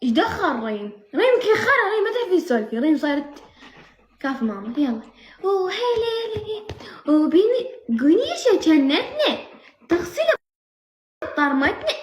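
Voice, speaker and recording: A woman with a very high voice whose pitch swings widely as she coos and pleads in baby talk to a pet. The room around her is echoey. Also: big pitch swings, fairly quick, slight background noise. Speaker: vlogger with her dog. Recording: roomy echo.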